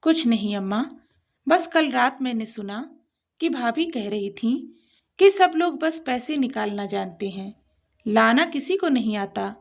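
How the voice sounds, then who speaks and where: A woman plays a scheming young woman in a storybook tale, her voice pitched a little high and sugary. She speaks slowly and with feigned innocence. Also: animated. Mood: sly.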